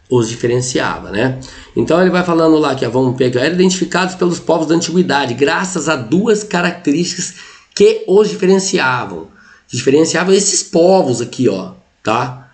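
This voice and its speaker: Lively Brazilian man explaining exam answers. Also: medium pitch. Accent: Brazilian Portuguese. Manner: explains step by step, constantly says "ó" and "tá?". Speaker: Portuguese teacher.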